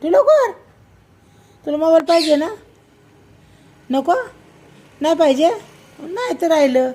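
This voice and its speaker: Woman, high-pitched voice, firm repetitive scolding, motherly, noisy background. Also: fairly even intonation, measured pace, warm tone. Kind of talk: scolding a child at home.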